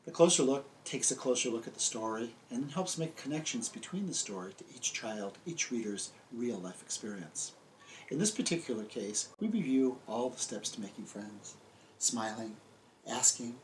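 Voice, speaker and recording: In a small book-lined room, an older American children's author gives a friendly scripted presentation, storytelling for young kids with simple, emphatic lines. He speaks at medium pitch and a moderate pace, expressively. The recording is rough, with a little hiss or hum.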